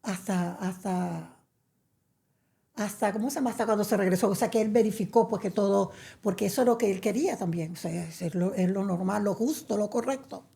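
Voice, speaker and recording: A woman's voice: mid-range voice, fairly quick, creaky, mellow. A middle-aged woman from Venezuela, telling her story as a guest in a chatty interview, with many fillers. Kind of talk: conversational interview.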